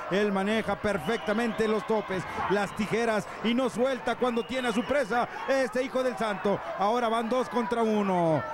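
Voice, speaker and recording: A man with a Mexican accent giving excited wrestling commentary, urgent and often doubling his words as he follows the action. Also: high voice. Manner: urgent, repeats warnings and opening words. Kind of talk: excited lucha libre play-by-play commentary. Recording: broadcast with very loud crowd and noise.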